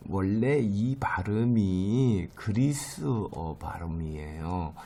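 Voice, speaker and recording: A middle-aged man teaching a lesson, speaking haltingly with many fillers and repeating words slowly for his students. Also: sits low, warm tone, slight background noise. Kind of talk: lecture on Greek myth names and pronunciation.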